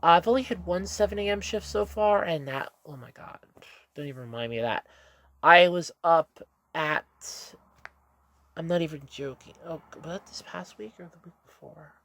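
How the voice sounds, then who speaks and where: This woman, a vlogger with a stuffy nose, records a meandering, candid monologue to camera in a room at home, often correcting herself. Her fairly low voice is expressive and moves at a moderate pace.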